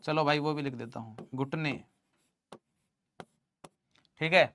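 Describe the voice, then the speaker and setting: Teasing his class and calling his students "beta," a young man teaches chemistry online in a playful, joking way. He speaks slowly in a fairly high voice with a sharp tone.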